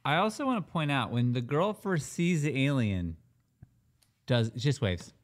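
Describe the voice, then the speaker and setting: A man's voice: mid-range voice, very animated, a little slow. A man co-hosting a casual film review podcast, adding wry asides about the movie.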